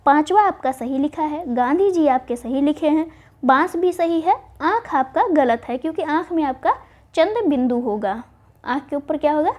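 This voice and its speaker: A woman teaching Hindi spelling for exam prep, spelling words out slowly and answering her own questions. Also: high voice, animated, darkish tone. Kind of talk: online exam-prep lesson.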